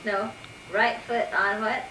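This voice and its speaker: A woman's voice: mid-range voice, little pitch movement, slow pace, pushed and bright, reverberant, a little hiss or hum. A woman filming a family game at home, chatting and laughing along, heard on an old VHS home video tape. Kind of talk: casual family chat.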